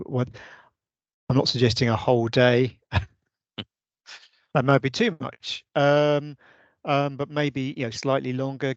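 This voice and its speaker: Man, mid pitch, hesitant, restarting, online meeting, dry, muffled lo-fi call audio. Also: clear, resonant tone, no echo. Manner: hesitant, with many restarts and fillers. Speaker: vice chair of a users' group meeting. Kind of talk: casual online meeting discussion. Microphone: video call.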